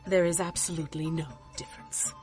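An actress playing an imperious, curt mystic seer in an audio drama, with a haughty, theatrical and deadpan delivery. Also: female voice, lowish voice, fairly quick, faint music behind, lightly acted. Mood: dry, haughty.

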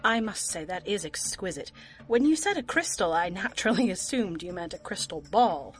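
A woman plays a breezy lady detective in an audio drama, mid-pitched and arch. She sounds witty and politely skeptical, with faint music underneath. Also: expressive, moderate pace, natural voice, rough recording. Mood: playful, amused. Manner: arch, playfully grandiose, polite.

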